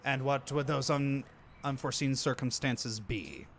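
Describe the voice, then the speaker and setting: Man playing a gruff, blunt army captain, noisy recording. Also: medium pitch, unhurried, a bit bright, pitched below the performer's own voice. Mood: dry, blunt. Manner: gruff, curt. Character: gruff male military captain, blunt and sardonic.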